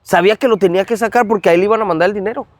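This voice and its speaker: A man with a Mexican accent, a guest in an interview recounting a personal testimony in an animated way, acting out the dialogue. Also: sits high, racing, dry recording. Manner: animated, acts out dialogue in retelling. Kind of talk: storytelling testimony.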